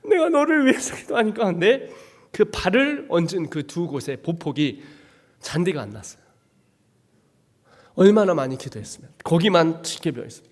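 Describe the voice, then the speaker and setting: A man preaching a dramatic testimony sermon as a missionary, swinging from hushed to shouting. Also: high voice, sing-song, moderate pace, big-room sound. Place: church sanctuary.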